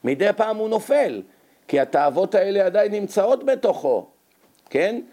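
Animated male Torah teacher, rhetorical. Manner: lively, conversational, rhetorical questions to listeners; sharp drops and rises in pitch for emphasis.

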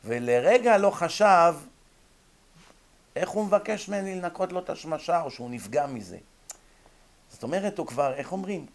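Animated male Torah lecturer. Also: a little high, vocal fry, long pauses. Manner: animated storytelling, acting out quoted voices; shifts between loud emphasis and quiet asides. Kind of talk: religious ethics lecture.

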